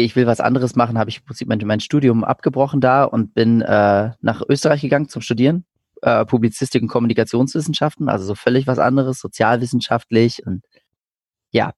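A man's voice: medium pitch, dry recording. A man from Berlin in his thirties, telling his life story as an interview guest in a reflective, hesitant way with many fillers. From Germany (Berlin). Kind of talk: casual conversational interview.

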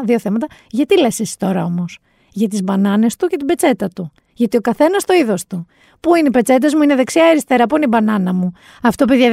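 A woman hosting a podcast, telling stories in a chatty, sarcastic, animated way. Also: fairly high pitch, dry recording, studio quality. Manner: chatty, sarcastic, animated storytelling with quoted voices. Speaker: podcast host. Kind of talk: casual chat recap.

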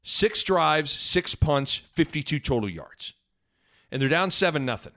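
A man hosting a sports podcast, conversationally retelling a game play by play with excitement. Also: a little high, a little slow. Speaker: podcast host.

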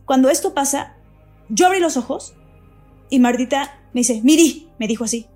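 A woman recounting a frightening night in casual chat, animated and repeating words for emphasis. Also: high voice, moderate pace, faint music behind. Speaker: guest telling a paranormal experience.

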